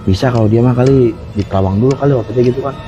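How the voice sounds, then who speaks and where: Rapid-fire and mid-range, his voice comes through with the highs cut off and music underneath. He's a storyteller guest from Jakarta sharing a true horror story casually, acting out quotes and laughing a lot.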